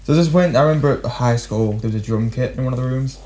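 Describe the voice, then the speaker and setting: A young man, a musician guest, telling stories in a rambling, animated way with frequent laughs. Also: mid-range voice, fast talker. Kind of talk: casual storytelling chat.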